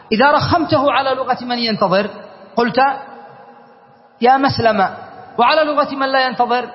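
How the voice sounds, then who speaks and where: In a lecture hall with a dull, long reverb, a high-voiced man teaches a grammar lesson, questioning students and spelling out word forms.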